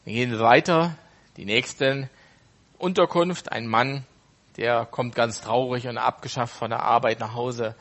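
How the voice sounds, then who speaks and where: A man's voice: medium pitch, steady tone, unhurried, fairly bright tone. A man casually retelling a parable off the cuff, correcting himself as he goes. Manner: unscripted, with fillers and self-corrections.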